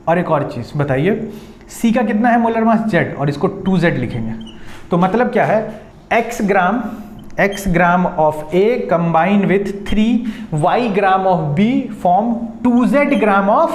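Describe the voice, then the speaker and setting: High-voiced man teaching chemistry. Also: a little mellow, reverberant, a little hiss or hum. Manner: explains step by step, often asks the students questions; dictates slowly while writing. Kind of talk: whiteboard lesson.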